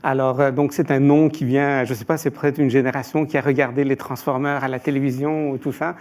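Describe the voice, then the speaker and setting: A man's voice: mid-range voice, level tone, a little fast, a little mellow. A man from Iran answering as an expert panelist, hesitant, with frequent filler sounds and restarts.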